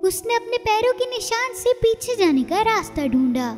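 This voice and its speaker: A woman narrating a storybook cartoon in an expressive, storytelling way. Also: extremely high pitch, moderate pace. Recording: reverberant, with music underneath.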